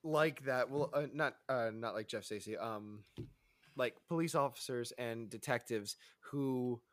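A man's voice: medium pitch, measured pace, fairly bright tone, slight background noise. A man co-hosting a casual chat, rambling, stuttering and laughing as he talks. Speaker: podcast co-host. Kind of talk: casual chat reviewing a show.

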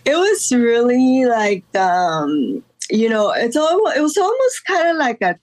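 Woman guest artist from Guatemala, casual and halting, dry recording. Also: fairly high pitch, big pitch swings, no echo. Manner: hesitant, many fillers and restarts. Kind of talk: casual interview talk.

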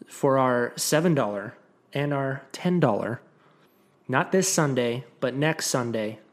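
A man's voice: mid-range voice, expressive, unhurried. A man chatting as a podcast co-host with informal, opinionated banter, in an echoey untreated room. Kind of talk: casual chat. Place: new home podcast studio without soundproofing.

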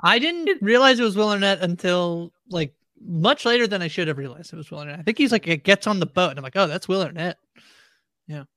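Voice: medium pitch, lively intonation, fairly quick, a bit bright, no room sound. A co-host on a casual podcast, talking in a laid-back, amused manner. The recording is dry and close, with no room sound. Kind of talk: casual chat.

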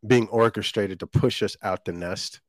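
A man's voice: on the low side, moderate pace, no echo, clean studio sound. A man from Jamaica, a guest in his thirties, telling his business story in a rambling, casual way with many ums and restarts. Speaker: guest, shortbread business owner.

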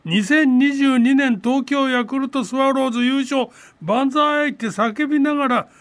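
A man voicing a boastful, teasing old grandpa in a radio comedy skit, gruff and mocking with a cackling laugh. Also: very high voice, a little slow, fairly bright tone. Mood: gloating. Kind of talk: scripted radio comedy banter.

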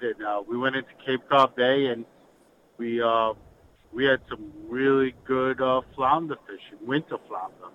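A man's voice: mid-range voice, a little hiss or hum. Man on a dull, lo-fi call. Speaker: regular podcast guest giving fishing reports. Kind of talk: casual fishing report.

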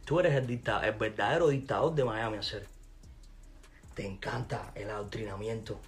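A man's voice: fairly low pitch, moderate pace, soft background music. A man with a Cuban accent, a musician, delivering a combative, mocking rant to the camera in crude street slang. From Cuba.

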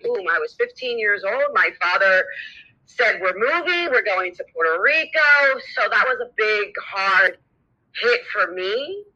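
A woman's voice: medium pitch, bright, forceful tone. A middle-aged woman from New Jersey talks as an interview guest, candid and rambling, with plenty of fillers. Her voice comes through a dull, lo-fi recording. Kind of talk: casual interview chat.

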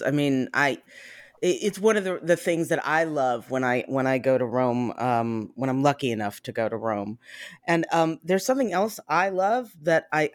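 Enthusiastic American host in a dry room. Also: male voice, on the high side, no echo. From United States. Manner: enthusiastic, hesitant restarts. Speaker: podcast host. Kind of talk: conversational interview.

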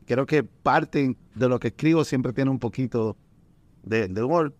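A poet and event organizer who grew up between Puerto Rico and the Dominican Republic chats casually about poetry gatherings, often repeating words as he thinks. His Caribbean Spanish voice is medium-pitched, unhurried and darkish in tone. The recording is lo-fi with no room sound.

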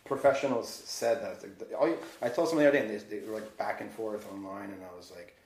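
A man's voice: on the low side, quick pace, a little mellow. A man hosting a podcast, ranting heatedly in casual conversation and swearing freely. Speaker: podcast host. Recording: roomy echo.

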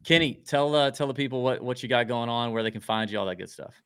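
A man's voice: medium pitch, fast talker, a bit bright, clean tone, dry recording. Male host, dry close sound. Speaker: show host. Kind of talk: casual sports-betting chat.

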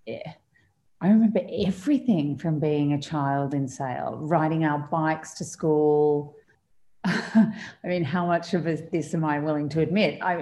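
A middle-aged Australian woman chatting as a podcast guest, animated and stumbling over restarts. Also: low-pitched. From Australia (Victoria). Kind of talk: casual podcast interview.

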